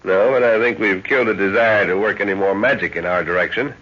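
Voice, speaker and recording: In a muffled 1930s radio drama, an actor with a fairly low, breathy-edged voice talks fast while playing a hearty, thoughtful, middle-aged professor and explorer with a fatherly air. His mood stays calm and thoughtful.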